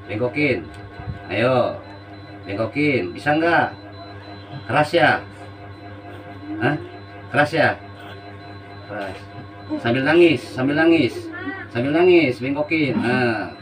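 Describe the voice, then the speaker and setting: A man's voice: medium pitch, animated, takes it slowly, pauses often. A man, a spiritual practitioner, giving short, repeated coaxing commands during a live demonstration. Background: background music.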